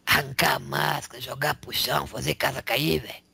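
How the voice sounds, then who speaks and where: A man channeling a male spirit who preaches in a slangy, raspy whisper, tagging lines with rhetorical questions. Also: medium pitch, little pitch movement, brisk, bright, forceful tone, exaggerated voice. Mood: preaching. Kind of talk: spiritual counsel.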